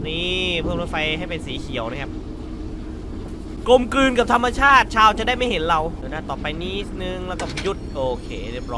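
Excitable high-voiced young gaming man. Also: background noise. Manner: excitable, yelps and shouts in panic. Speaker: gaming YouTuber. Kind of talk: let's-play commentary. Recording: game music behind.

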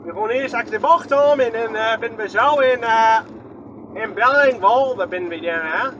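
A man with a Groningen accent and a very high, bright voice rambles through a slow, casual commentary from inside a moving vehicle. He asks himself questions and lets sentences trail off. A faint hum of road noise sits behind him. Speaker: vlogger. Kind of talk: casual running commentary while driving.

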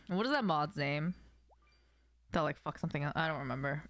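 A young adult woman streams a game from a small room at home, chatting playfully with viewers in slangy speech. Her low voice has lively intonation and a moderate pace, and the recording is dry.

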